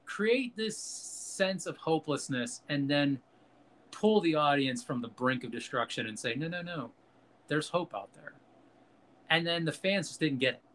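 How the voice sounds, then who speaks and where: A man's voice: fairly high pitch, fairly bright tone. A man co-hosting a casual film chat, talking loosely and profanely and laughing at his own jokes.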